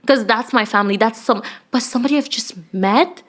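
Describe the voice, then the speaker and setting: Woman podcast co-host, casual chat, emphatic and teasing, voice on the high side. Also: brisk. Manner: animated, emphatic, heavy use of "like"; teasing, presses her co-host with questions.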